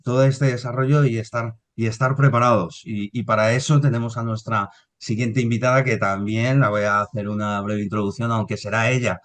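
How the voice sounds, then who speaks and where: A man's voice: medium pitch, fairly even intonation, brisk. A man, hosting a business podcast, hesitant and often restarting his sentences. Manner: hesitant, with many fillers and restarts. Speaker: podcast host.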